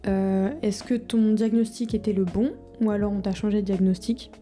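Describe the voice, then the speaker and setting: This is a vlogger in her 20s, a woman whose medium-pitched voice has a dark tone, a steady delivery and a moderate pace. She talks casually and with some hesitation to her future self in a video diary, recorded through a mic in front of the camera over background music.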